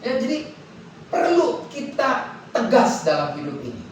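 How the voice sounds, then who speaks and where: A man's voice: very high-pitched, huge pitch swings, measured pace, slight background noise. A male pastor preaching a sermon, blunt and joking, talking straight to the congregation. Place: large church hall. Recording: echoey church hall, mic far off.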